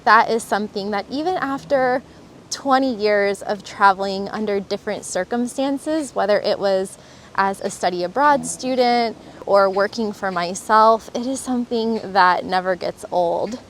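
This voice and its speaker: Outdoors, a woman from Florida who travel vlogs reflects casually on camera, earnest and enthusiastic, with the occasional filler. She has a mid-range, fairly bright voice and a moderate pace, and a little hiss or hum runs under the audio.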